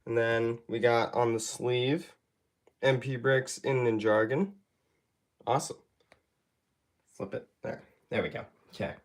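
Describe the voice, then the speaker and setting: A man's voice: medium pitch, a little slow, pauses often. A young man hosting a casual live stream Q&A, sounding stuffy from allergies and talking in a rambling, hesitant way with many fillers. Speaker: YouTube creator hosting a live Q&A. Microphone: handheld phone camera.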